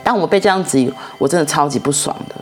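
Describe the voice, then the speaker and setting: A woman's voice: low voice, fast talker, soft background music. A middle-aged woman, telling a story in a casual, rambling way and repeating herself as she goes. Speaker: vlogger.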